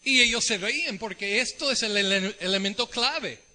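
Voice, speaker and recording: Bright-voiced American preacher speaking Spanish. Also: male voice, high-pitched, moderate pace, long reverb tail. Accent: American with Ecuadorian Spanish mix. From United States. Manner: asks the congregation questions. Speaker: visiting preacher. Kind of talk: sermon. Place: church.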